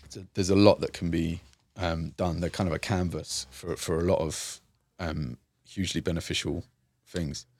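Low-voiced man, reflective interview guest. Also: fairly even intonation, moderate pace, a little mellow, dry recording. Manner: reflective, frequent fillers and restarts. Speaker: youth and community worker, guest. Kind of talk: conversational interview.

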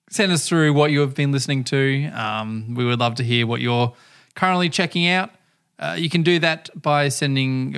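A man's voice: mid-range voice, fairly bright tone, clear, resonant tone. An Australian man co-hosting a podcast in casual chat, laughing often and swearing freely in jokey banter. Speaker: podcast co-host.

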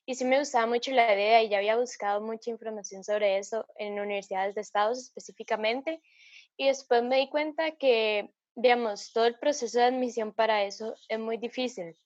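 A woman's voice: a little high, a little fast, no room sound. A teenage girl, a student guest talking reflectively and hesitantly in a casual podcast conversation. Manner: reflective, hesitant, many fillers like "como" and "entonces". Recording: dull lo-fi dry sound.

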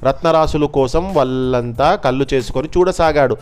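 A man narrating a folk tale in a measured, expressive telling. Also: medium pitch, smooth. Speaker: storyteller. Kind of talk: storytelling narration. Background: faint background music.

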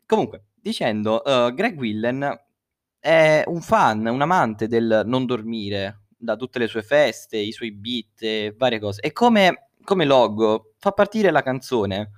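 A man's voice: mid-range voice, lively intonation, slow, dry recording, studio quality. A young man hosting a casual, humorous solo podcast, rambling and correcting himself as he talks through a face mask. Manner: rambling, self-correcting, uses swear words. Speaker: podcast host. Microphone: close podcast microphone, dry sound.

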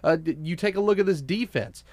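A man co-hosting a sports talk show, arguing his opinions emphatically with quick restarts. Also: on the high side, a little mellow, dry recording.

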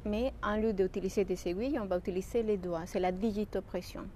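A woman from Mexico speaking French with a Mexican Spanish accent, a shiatsu practitioner answering interview questions with many pauses and restarts. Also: medium pitch, mellow, slight background noise. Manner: hesitant, many fillers and restarts.

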